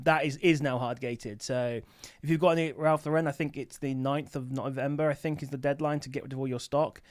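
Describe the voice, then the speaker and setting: A man's voice: medium pitch, no echo, clean studio sound. A man hosting a casual livestream, chatting informally and rambling as he answers viewers. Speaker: livestream host answering questions about online selling. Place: office.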